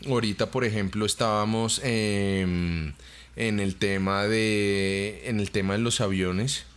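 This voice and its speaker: A man's voice: fairly low pitch, fairly even intonation, slow, clean tone. A man in his thirties with a Colombian accent, co-hosting a casual podcast chat, crude and slangy, restarting his sentences often. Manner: crude slang-heavy banter, many restarts. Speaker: podcast co-host.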